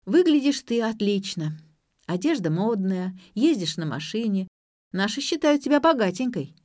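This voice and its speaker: A woman's voice: medium pitch, moderate pace, no echo, studio quality, natural voice. A woman doing a teasing young student. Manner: lively and teasing.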